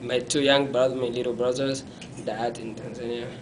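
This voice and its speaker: This is a personal story told in an interview by a young man from Congo, recorded indoors in a small room from a camera a few feet off. A steady rumble runs beneath his voice, which stays level in pitch. He speaks haltingly, correcting and restarting himself in non-native phrasing, and gestures with his hands throughout.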